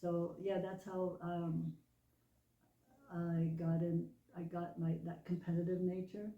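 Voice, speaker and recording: A woman's voice: on the low side, monotone, slow, phone-quality sound. Laughing woman in an echoey room. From Canada. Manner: laughs often, short agreeing replies. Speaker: guest. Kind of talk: casual podcast chat. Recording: echoey room, slight background noise.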